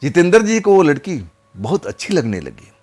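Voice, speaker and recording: A man's voice: a little high, very animated, normal speed, a little mellow, soft background music. A man narrating a horror story in a casual, conversational way, often repeating his phrases.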